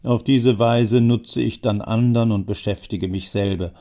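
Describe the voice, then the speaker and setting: A man voicing a talkative, scheming old uncle who speaks in smooth, self-important phrases. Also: on the low side, steady tone, measured pace, mellow.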